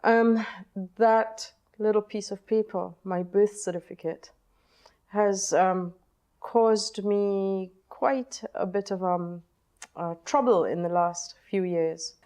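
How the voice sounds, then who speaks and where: A woman in her sixties from Trinidad, a novelist recounting personal stories in an interview, pausing often with ums and uhs. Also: medium pitch, steady tone, mellow, clear, resonant tone. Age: 60s. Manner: hesitant, many ums and uhs, thoughtful. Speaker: novelist, guest. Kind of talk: reflective personal storytelling in interview.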